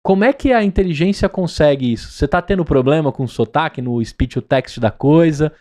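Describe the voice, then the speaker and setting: This Brazilian man hosts a podcast, speaking with a São Paulo accent in a fairly quick, somewhat high voice with a darkish tone. In a conversational interview, he poses long, chatty questions that frequently end in a tag question.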